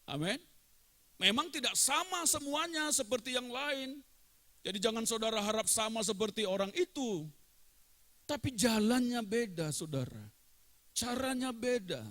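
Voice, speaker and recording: High bright-voiced preaching pastor. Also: male voice, lively intonation, measured pace. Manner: storytelling with acted dialogue, rising to fervent exhortation. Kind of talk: sermon.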